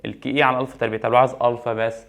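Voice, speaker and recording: A man's voice: medium pitch, level tone, rapid-fire, gravelly, fairly bright tone. A man with an Egyptian Arabic accent giving a chemistry exam review, asking questions and answering them himself and repeating key points. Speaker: chemistry teacher.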